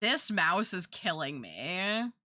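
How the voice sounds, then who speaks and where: A woman livestreamer talking slowly in a bright voice with a dry, close sound. She rambles casually, thinking aloud as she goes. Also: fairly low pitch, big pitch swings, no echo. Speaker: art livestreamer. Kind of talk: casual, rambling livestream chat while drawing.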